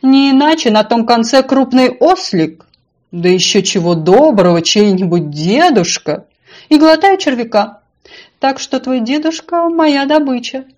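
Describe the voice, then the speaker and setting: A woman voicing a sly, self-important female fish in a storybook, calm and unflappable. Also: high voice, unhurried, pitched above the performer's own voice.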